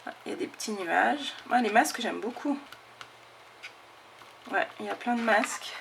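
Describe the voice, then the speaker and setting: A scrapbooking host walks viewers through her craft mail in a casual show-and-tell, enthusiastic and chatty, leaning on fillers and "hop". Her voice is fairly high, animated, creaky and a bit bright at normal speed. The recording carries a little hiss or hum.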